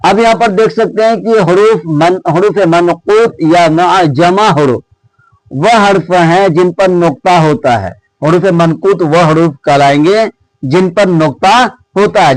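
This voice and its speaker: A man's voice: a little high, slow, no room sound, rough recording. A man teaching Urdu grammar for an exam-prep class, who asks questions and answers them himself and reads out lists of letter names one at a time.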